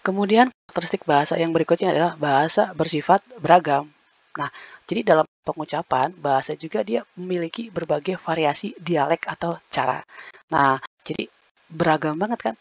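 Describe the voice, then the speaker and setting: A man's voice: fairly high pitch, gravelly. A man giving a casual, chatty lecture, full of fillers and tag questions, sometimes acting out little quoted reactions. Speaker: university lecturer. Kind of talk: recorded online lecture.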